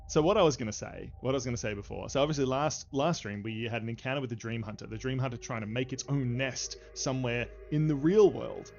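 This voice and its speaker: A man's voice: medium pitch, fast, gravelly, hardly any pauses, darkish tone, dull audio, soft background music. A man acting as dungeon master and stream host, chatting casually and joking with his players and chat. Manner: jokey, playful banter with chat. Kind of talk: casual livestream chat, narrating a tabletop game.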